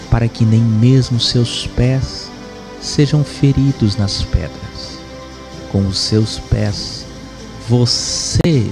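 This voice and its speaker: Brief: man doing a sly devil tempter in a disguised deep voice, gravelly, slow and hushed, faint music under. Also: full character voice. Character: the devil as a sly male tempter quoting scripture. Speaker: preacher.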